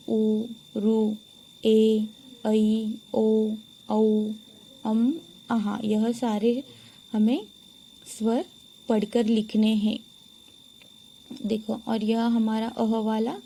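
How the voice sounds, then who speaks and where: A woman teacher giving a lesson to young pupils, slowly sounding out words one by one and repeating them for the class. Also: on the high side, dark tone, slight background noise. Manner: slow, deliberate, repeats each word for pupils to follow.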